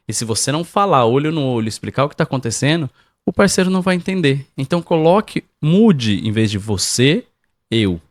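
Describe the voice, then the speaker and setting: A man's voice: mid-range voice, big pitch swings, a little fast. A man co-hosting a podcast, giving marriage advice in a didactic way and speaking straight to the listeners. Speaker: podcast co-host. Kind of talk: casual advice chat.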